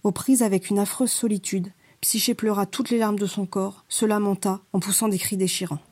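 A woman narrating a storybook tale in a measured, expressive reading. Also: mid-range voice.

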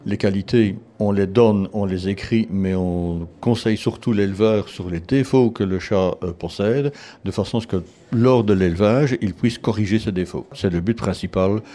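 A man from Belgium, a cat show judge, answering interview questions in a measured, explanatory way with frequent restarts. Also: on the low side, dark tone.

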